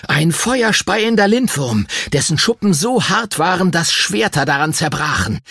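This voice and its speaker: Man putting on a high-pitched, excitable male campfire storyteller, husky, full of drama for a storybook. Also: measured pace, dry recording, studio quality, heavily acted. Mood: dramatic. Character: male campfire storyteller spinning a dragon tale.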